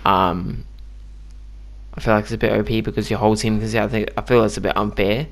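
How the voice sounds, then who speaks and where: A man's voice: on the low side, flat delivery, fast, gravelly. A man giving casual, chatty commentary on a video game he just played, with lots of ums and likes. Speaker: gaming YouTuber.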